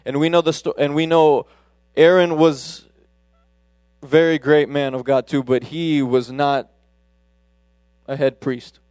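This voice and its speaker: A man preaches in a relaxed, conversational way, often stopping and restarting his sentences. His voice is smooth and resonant. It is recorded dry and close, with little room sound. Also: a little high, slow pace, long pauses, no room sound. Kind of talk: casual sermon.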